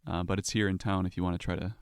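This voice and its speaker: A man narrating a tabletop game as game master, in a relaxed way with many fillers. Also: sits low, rapid-fire, clean tone, no room sound, clean studio sound.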